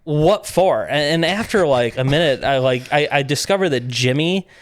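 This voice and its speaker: A man appearing as a podcast guest relates lively anecdotes from events, performing the back-and-forth of conversations with laughs. His voice is slightly high and moderately paced, with a little hiss or hum in the background.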